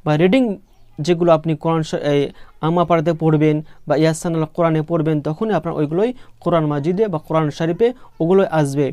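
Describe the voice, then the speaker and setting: A man's voice: fairly high pitch, steady tone, fast, mellow, dry recording. A man teaching a step-by-step Quran reading lesson, patiently repeating letter sounds and asking himself questions.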